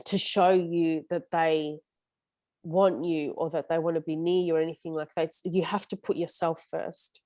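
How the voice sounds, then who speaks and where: A woman's voice: low-pitched, level tone, normal speed, mellow, no echo. A woman, leading a casual support group session in an earnest, coaching way that often trips over her words.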